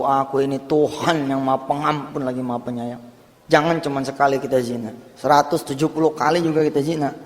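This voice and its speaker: Male preacher, animated sermon delivery, loud-to-hushed swings, slightly high voice, long hall echo. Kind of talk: sermon storytelling.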